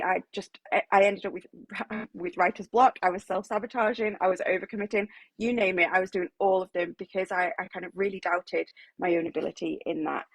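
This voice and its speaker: Woman author, chatty coaching talk, slightly gravelly voice, dry close recording. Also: mid-range voice, no echo, rough recording. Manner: chatty, many fillers and restarts. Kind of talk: live online talk to a writing group.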